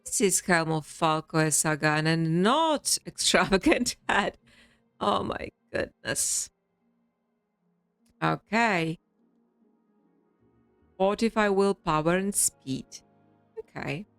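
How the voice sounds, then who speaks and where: Slow, gravelly woman playing a game. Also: on the low side, expressive, no room sound, soft background music. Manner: wry, sighing asides. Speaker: gaming channel host. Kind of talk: casual let's-play commentary.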